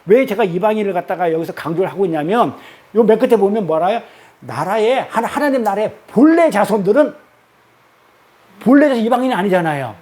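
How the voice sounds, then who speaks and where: A man's voice: high-pitched, animated, brisk, a little mellow. A man leading a Bible study lecture, pressing his listeners with constant rhetorical questions and repeating key words for emphasis. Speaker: Bible teacher.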